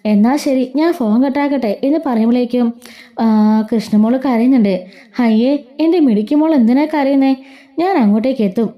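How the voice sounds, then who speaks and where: A woman recaps a TV serial episode in an easy, chatty way, reading out the characters' lines without putting on voices. Her voice sits a little high. The home recording is dull and lo-fi. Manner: retells dialogue in quotes without changing voice. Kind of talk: casual retelling of a TV serial episode.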